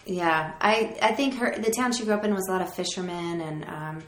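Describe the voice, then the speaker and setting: A woman's voice: fairly low pitch, brisk. Woman from virginia chatting as a guest, laid back, lots of ums, echoey room. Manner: relaxed, reflective, many fillers. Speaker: guest, singer. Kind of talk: casual interview conversation.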